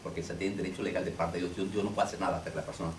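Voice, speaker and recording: A man with a fairly low voice gives an informal deliverance teaching to a small group. He repeats phrases and keeps checking that listeners follow. The mic sits far off in an echoey room with steady background noise. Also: rapid-fire. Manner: repetitive, checks in with "ok?" and "understand?". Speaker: deliverance minister.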